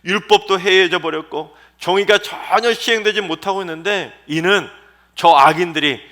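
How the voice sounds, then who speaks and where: A man's voice: sits high, moderate pace, bright, forceful tone, pitched above the performer's own voice. A male pastor acting out an anguished prophet who pleads and argues with God in indignant questions. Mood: pleading protest.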